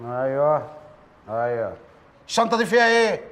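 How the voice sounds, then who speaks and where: A man's voice: on the high side, big pitch swings, fairly bright tone. An actor playing a nosy comic doorman who bosses the residents around, speaking with an Egyptian accent tinged with Upper Egyptian speech. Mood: bossy. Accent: Egyptian, Upper Egyptian flavor. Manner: brash, bossy, comic, quick. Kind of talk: TV comedy series acting.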